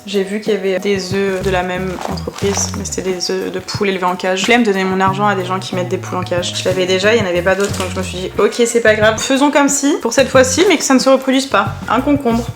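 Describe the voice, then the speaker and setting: A young woman from France chatting casually to her phone camera while running errands, exhausted and self-mocking, rambling from one aside to the next. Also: mid-range voice. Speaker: vlogger. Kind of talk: casual vlog chat to camera. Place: car, shops and home, moving around.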